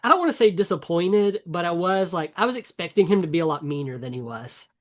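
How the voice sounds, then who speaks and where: A man's voice: sits high, expressive, fast talker. A man co-hosting a casual gaming podcast, talking in an enthusiastic, rambling way with many fillers and restarts. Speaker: podcast co-host.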